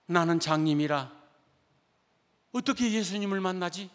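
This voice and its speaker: A man's voice: sits high, normal speed, natural voice. A man doing a desperate blind beggar crying out. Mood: yearning. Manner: pleading, shouting, raised voice. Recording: long church reverb.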